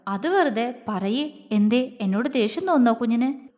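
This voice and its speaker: A woman's voice: a little high, animated, normal speed, long reverb tail, natural voice. A woman voicing a tender, teasing young husband. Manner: affectionate, coaxing, softly playful. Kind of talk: dramatized romance audio story.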